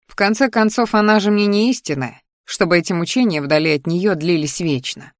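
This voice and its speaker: A woman reading a novel aloud as an audiobook narrator, in steady first-person narration. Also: on the low side, brisk, no echo, studio quality.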